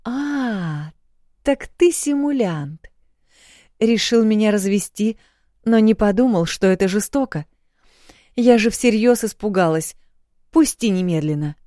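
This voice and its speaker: A woman voicing an emotional young wife in an audiobook, her pleas raised and high. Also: lively intonation, measured pace, long pauses, warm tone, no room sound, clean studio sound, natural voice. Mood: indignant. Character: excited young wife, anxious then teasing.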